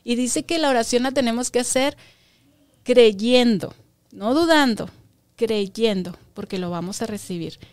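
A woman's voice: fairly high pitch, measured pace, a little mellow, clean tone, dry recording, clean studio sound. A woman teaching a Bible lesson to children, patiently asking them questions and stressing key words by repeating them.

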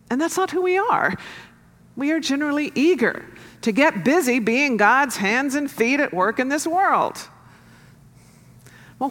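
A woman pastor delivering a sermon in a measured, earnest way, building to emphatic rises. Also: fairly high pitch. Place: church sanctuary. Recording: long reverb of a church hall.

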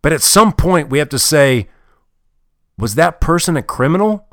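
Blunt, profane motivational speaker. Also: male voice, fairly high pitch, expressive, moderate pace, fairly bright tone, dry recording, clean studio sound. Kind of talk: motivational talk.

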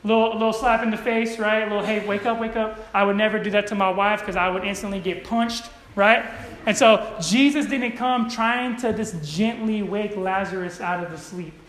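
A male pastor preaching a sermon. He keeps checking in with the congregation and swings from quiet asides to loud, shouted calls. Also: high voice, normal speed. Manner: checks in with the congregation, asking "right?". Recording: echoey room.

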